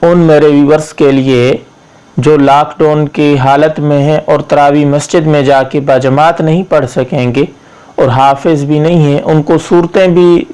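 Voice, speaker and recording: Guy teaching quran reading, slow careful drills, smooth clear voice. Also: fairly high pitch, a little mellow. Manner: corrects common mispronunciations patiently, repeating word by word. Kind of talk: recitation lesson with slow chanted drills.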